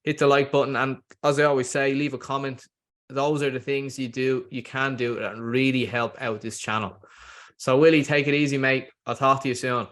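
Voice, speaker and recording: A man's voice: medium pitch, fairly even intonation, moderate pace, a bit bright. A man hosting a video-call interview, chatting in a friendly, rambling way with frequent restarts. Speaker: host. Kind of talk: casual interview chat.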